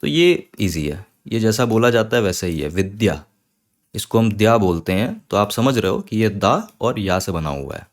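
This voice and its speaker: A man teaching Sanskrit letters in an online lesson, patiently repeating each word slowly to show the right pronunciation. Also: on the low side, expressive.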